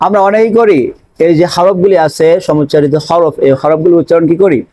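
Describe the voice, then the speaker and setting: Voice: medium pitch, fast, mellow. A teacher leads a classroom pronunciation drill. The teacher asks questions and answers them, repeating each letter sound several times. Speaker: Quran recitation teacher.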